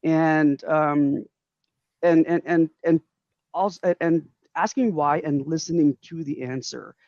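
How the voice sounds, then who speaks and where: A man co-hosting a podcast, speaking in hesitant, halting phrases in casual chat. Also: on the high side, steady tone, a little mellow, dry recording. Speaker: podcast co-host. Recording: slightly muffled lo-fi audio.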